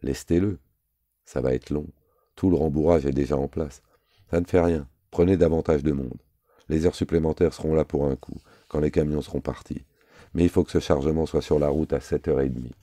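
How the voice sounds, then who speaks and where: A hard-headed older boss snaps out orders without wasting words, as a man reads him. His voice is very low and dark, recorded dry and close. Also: fairly even intonation, a little fast, no echo. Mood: commanding. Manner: curt orders. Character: gruff older male boss, brisk and commanding.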